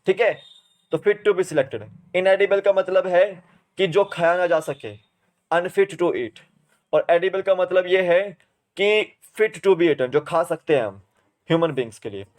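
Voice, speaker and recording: A young man with a Himachal Pradesh Indian accent teaches an exam prep lesson. He spells each word out letter by letter, at a slow and careful pace. His voice sits a little high for a man. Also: a little mellow. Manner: spells words out letter by letter, then repeats them.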